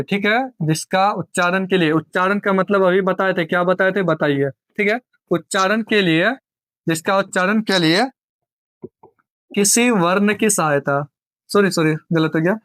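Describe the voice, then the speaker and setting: A man's voice: sits high, fairly bright tone, no echo. A man teaching a grammar lesson, who repeats points and asks and answers his own questions. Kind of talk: exam coaching lecture.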